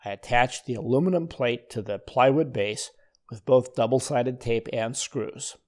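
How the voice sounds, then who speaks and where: An older man narrates in a calm, methodical way, as if walking a student through each step. His voice is mellow and relaxed, with a middle pitch. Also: normal speed. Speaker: woodworking instructor. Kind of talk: scripted voice-over narration.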